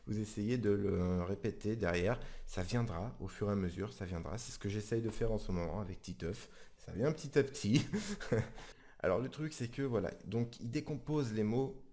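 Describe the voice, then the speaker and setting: A gaming YouTuber explaining things in a casual video tutorial, chatty and repetitive. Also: male voice, fairly low pitch, warm tone.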